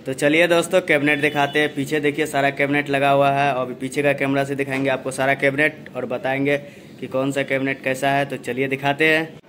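A young man vlogging his way through a large warehouse, talking in a steady, salesman-like patter with the phone held at arm's length. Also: mid-range voice, brisk, a little hiss or hum. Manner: steady salesman-like patter, repeats "dekhiye" and "dosto". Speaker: vlogger showing a speaker cabinet factory. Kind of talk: casual vlog walkthrough. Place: large warehouse, partly outdoors.

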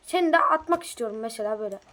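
A woman chatting excitably through a game for her viewers, a little sick and hoarse. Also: fairly high pitch, very fast. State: sick, coughing. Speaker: gaming video creator. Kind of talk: casual gameplay commentary.

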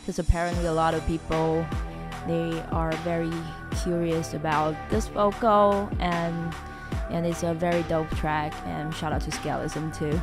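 Delivering her tutorial a little slowly and in a flat tone, the low-voiced young producer still keeps things chatty and self-deprecating, laughing at her own expense. Faint music plays in her small neon-lit home studio, where she speaks close to a studio mic on a boom arm.

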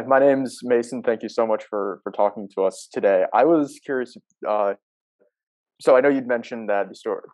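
A young man, a student, politely asking a guest speaker a question on a video call, slightly halting. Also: fairly low pitch, a little mellow, rough recording. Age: young adult. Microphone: wired earphones on a video call.

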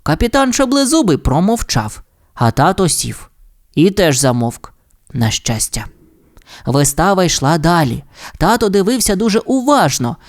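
A man narrating a children's audiobook story in an expressive, playful way. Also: high voice, normal speed. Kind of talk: audiobook fairy tale narration.

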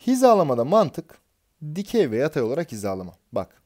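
A man's voice: mid-range voice, huge pitch swings, a little fast, darkish tone. A man teaching an exam prep lesson, explaining concepts step by step and answering his own questions as he goes.

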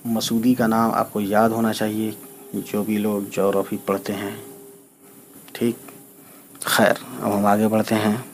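Slow, patient man spelling out script. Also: fairly low pitch, monotone, a little hiss or hum. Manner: spells letters and vowel marks slowly, often checking with "theek hai". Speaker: Urdu teacher. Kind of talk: slow spelled-out reading lesson.

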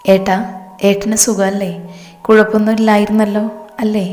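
A woman's voice: medium pitch, little pitch movement, moderate pace, darkish tone, faint music behind, lightly acted. A woman voicing an affectionate younger brother who talks eagerly with a light, reproachful edge. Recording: roomy with long reverb.

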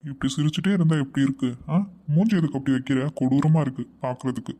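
A woman's voice: extremely low pitch, fast talker, dark tone. A woman voicing a teasing, easygoing young husband in a cartoon, coaxing and playful.

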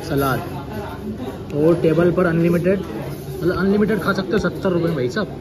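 A man's voice: fairly high pitch, moderate pace, over a noisy crowd. A young man vlogging in a restaurant, chatting to viewers and reading out menu items and prices. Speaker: food vlogger. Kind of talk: casual food vlog. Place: busy indoor restaurant and street outside.

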